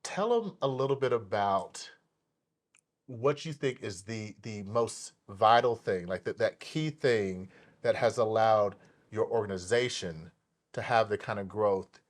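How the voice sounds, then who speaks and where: A man hosting an interview show, talking with animated enthusiasm and lots of fillers and restarts. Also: fairly low pitch, unhurried. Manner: animated, hyped delivery with many fillers and restarts. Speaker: podcast host.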